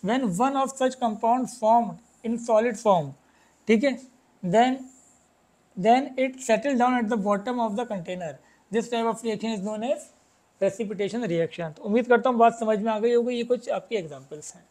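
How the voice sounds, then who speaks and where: A high-voiced man with a darkish tone teaches a chemistry lesson, calling his students "beta" and repeatedly checking whether things are clear. He reads the English questions slowly and explains them in Hindi.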